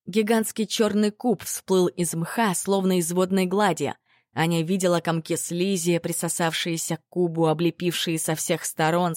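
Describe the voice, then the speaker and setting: A woman reading a fantasy novel aloud as an audiobook narrator, in measured storytelling on a close mic. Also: lowish voice, dry recording. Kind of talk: scripted narration.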